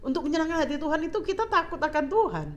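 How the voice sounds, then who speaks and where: A woman's voice: high-pitched, lively intonation, racing, lo-fi sound. A woman telling her faith testimony in casual chat, mixing English phrases into her talk and laughing often. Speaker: guest sharing a testimony.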